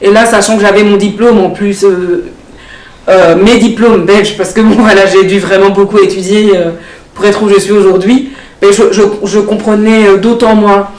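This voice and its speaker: A young woman, an election candidate speaking earnestly in a TV studio interview, pausing often with fillers. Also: medium pitch, fairly even intonation, darkish tone. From Belgium. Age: young adult. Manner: earnest, hesitant, many fillers. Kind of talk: studio talk show interview. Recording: echoey studio, distant mic.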